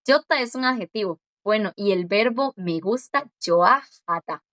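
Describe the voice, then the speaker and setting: A woman's voice: medium pitch, lively intonation, a bit bright, dry recording, highs cut off. Patient woman teaching a language lesson. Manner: patient, explains step by step and repeats words slowly.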